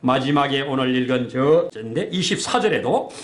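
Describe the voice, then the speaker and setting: Animated Korean pastor preaching, echoey room. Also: male voice, medium pitch, moderate pace. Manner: animated preaching, acts out scripture voices. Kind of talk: sermon. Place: church sanctuary.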